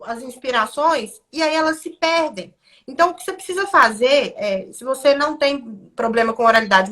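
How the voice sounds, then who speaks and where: A young woman lawyer with a Brazilian Portuguese accent, giving emphatic advice and lively stories in a podcast conversation. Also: high voice. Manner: emphatic, advising, lively storytelling. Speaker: criminal defense lawyer, guest.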